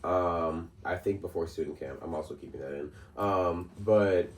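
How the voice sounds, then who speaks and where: In casual podcast chat, a low-pitched male co-host tells a story at a moderate pace, rambling with many fillers and restarts and laughing often. He sits away from the mic, so the sound is roomy with a faint noise.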